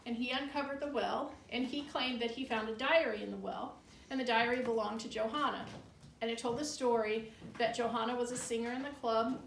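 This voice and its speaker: A woman's voice: fairly high pitch, fairly even intonation, fairly quick, vocal fry. A woman working as a tour guide, telling local legends informally in a conversational, skeptical, matter-of-fact way. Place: indoor room of an old bar building. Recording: roomy echo, distant mic, faint noise.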